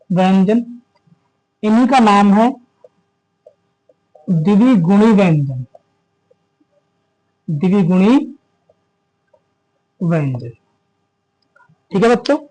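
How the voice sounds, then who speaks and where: High-pitched male tutor with a mellow tone, runs an exam-prep class, drills terms by asking and answering. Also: low-quality recording. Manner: repeats key terms as questions to students; slows down to stress terms. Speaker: teacher. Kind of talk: exam-prep grammar lesson.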